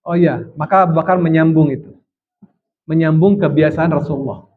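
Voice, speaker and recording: A man's voice: on the high side, brisk. A man giving a religious lecture, telling a story and acting out the voices in it, speaking to the women in his audience. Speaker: preacher. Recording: tinny phone-like recording.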